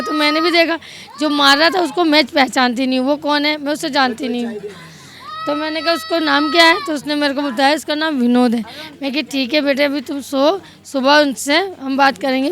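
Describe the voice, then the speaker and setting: A woman's voice: sits high, a bit bright. A middle-aged woman giving a distressed, pleading account in a street interview outdoors. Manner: distressed, pleading, tearful at times. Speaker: victim's stepmother.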